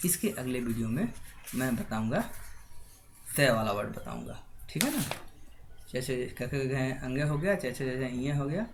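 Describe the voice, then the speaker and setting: A man's voice: medium pitch, lively intonation, moderate pace, slight background noise. A man giving a spoken lesson to students, spelling words out letter by letter and often checking in with a rising "right?". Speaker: teacher.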